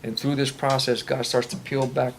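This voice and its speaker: A man's voice: medium pitch, level tone, normal speed, vocal fry, a little hiss or hum. A man earnestly answering audience questions at a faith-based recovery meeting, talking in a rambling way with many restarts. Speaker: recovery ministry speaker. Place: meeting room.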